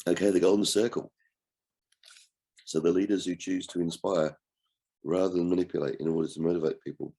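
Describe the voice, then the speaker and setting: A man with a cold and a croaky voice, hosting an online book discussion in a relaxed way and asking his group questions. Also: deep voice, brisk, long pauses. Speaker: book club host and coach.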